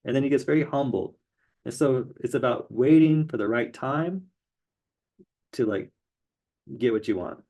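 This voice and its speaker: A man's voice: mid-range voice, measured pace, pauses often, warm tone, muffled recording. A man teaching tarot card meanings in a loose, rambling explainer with many fillers. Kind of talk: casual explainer lesson.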